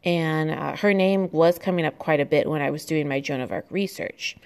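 A young woman with an American accent hosts her own podcast in a casual, rambling way. Her voice sits low, with a gravelly fry at the ends of phrases. She fills gaps with ums and likes and laughs easily. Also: normal speed, darkish tone. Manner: chatty, laughs often, loose with fillers. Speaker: podcast host. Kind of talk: casual solo podcast narration.

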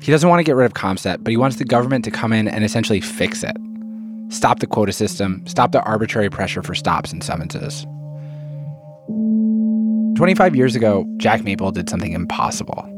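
A man hosting and narrating a scripted documentary, telling the story in measured phrases with key words stressed. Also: fairly low pitch, lively intonation, music in the background. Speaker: narrator and host.

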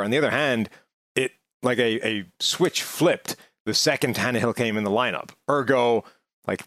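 A man's voice: medium pitch, fairly bright tone, no echo, clean studio sound. A man giving conversational sports commentary, reasoning his way through an argument step by step in a discursive way. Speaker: sports podcast analyst.

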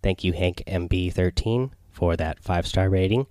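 A man hosting a casual gaming podcast in a quiet, subdued late-night manner, rambling and hesitant as he goes. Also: low-pitched, moderate pace, clear, resonant tone, dry recording, studio quality. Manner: quiet, subdued late-night delivery, holding back so as not to wake others. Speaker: solo podcast host. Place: small home recording space near bedrooms.

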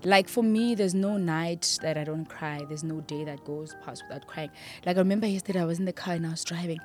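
A young woman, a podcast guest, speaking in a heartfelt, halting way about loss, with soft music underneath. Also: lowish voice. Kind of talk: emotional interview.

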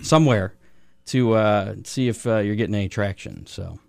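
A man's voice: fairly low pitch, normal speed, gravelly, no room sound, studio quality. Easygoing male racing podcast host. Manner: relaxed, joking, with many fillers and restarts. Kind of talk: casual racing podcast chat. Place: small podcast studio. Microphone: studio microphone.

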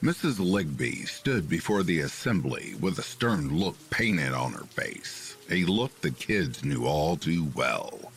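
A man's voice: low-pitched, sing-song, slow, hardly any pauses, slight background noise. A man giving a dramatic, scripted horror story narration and relishing the crude details. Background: faint horror music and rain.

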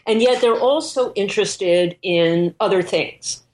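A woman's voice: mid-range voice, measured pace. A woman speaking as an interviewed scholar, explaining her subject off the cuff and thinking aloud, often correcting herself as she goes.

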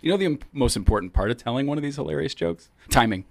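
A man on a podcast in a small shed studio, casually telling dad jokes in a deadpan way and laughing at his own punchlines. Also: mid-range voice, quick pace, gravelly. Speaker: podcast co-host. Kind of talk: casual joke-swapping chat.

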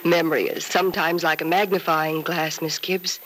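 An actress playing a gentle, bereaved young nurse in a 1940s radio soap opera, consoling in an earnest, wistful, measured way. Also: female voice, low-pitched, flat delivery, rough recording. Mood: tender consoling. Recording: old radio recording with faint noise.

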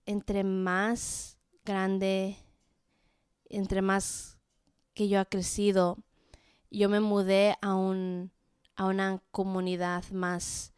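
A young woman in her twenties speaks slowly and haltingly, stopping often to find her words and dropping English fillers into her sentences. Her voice is smooth and clear. The sound is dry and close, with no room around it. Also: medium pitch, completely flat delivery, darkish tone, dry recording. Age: 20s. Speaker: podcast host. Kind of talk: casual personal monologue.

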